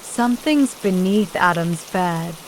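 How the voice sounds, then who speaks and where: Woman reading scared dad, slow and halting, kinda breaking up his words. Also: on the low side, animated, a little hiss or hum, low-quality recording. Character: frightened middle-aged father.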